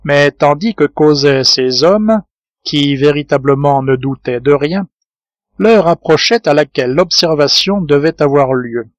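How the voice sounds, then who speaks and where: Brief: male audiobook narrator, slightly high voice, dry close sound, measured delivery. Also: no echo. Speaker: audiobook reader. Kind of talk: scripted narration.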